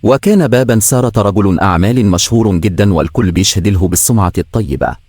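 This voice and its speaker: A man with an Egyptian accent narrates a storybook in a lowish voice. His reading is plain and measured. The recording is close and dry. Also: expressive, a little mellow, dry recording. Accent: Egyptian Arabic. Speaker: story reader.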